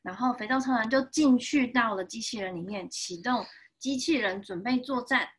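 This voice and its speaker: A woman in her thirties with a Taiwanese Mandarin accent, reading a picture book aloud to a child with lively sound effects and voices. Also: a little high, moderate pace, slightly rough. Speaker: storyteller reading picture books live.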